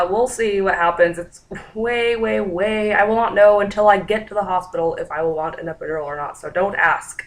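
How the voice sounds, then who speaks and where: A woman's voice: lowish voice, fairly bright tone, low-quality recording. A young woman giving a casual pregnancy update to her camera, chatty and full of "like" fillers. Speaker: pregnancy vlogger.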